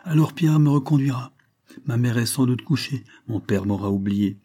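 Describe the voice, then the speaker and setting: Brief: troubled young woman, read by a man, polite and restrained, husky voice. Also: medium pitch, normal speed, dark tone.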